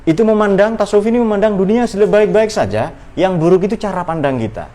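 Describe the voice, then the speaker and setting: A man's voice: sits high, animated, fast talker, mellow. A man giving an informal religious study talk, conversational and playful, with many rhetorical questions. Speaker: Islamic religious teacher.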